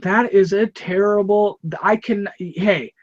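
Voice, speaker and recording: A man's voice: high-pitched, steady tone, slow, dry recording, dull audio. A man co-hosting a casual podcast, talking emphatically, teasing and swearing. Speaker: podcast co-host. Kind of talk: casual chat.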